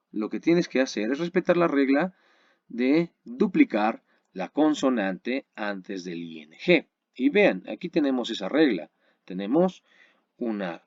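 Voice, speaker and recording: A man leads a grammar webinar, explaining step by step and checking in with his listeners. His voice is lively and animated. The sound is dry and a little dull. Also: mid-range voice, dry recording. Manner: explains patiently, checks in with "¿sale?" and "¿vale?"; slows down to spell and model English words. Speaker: English teacher.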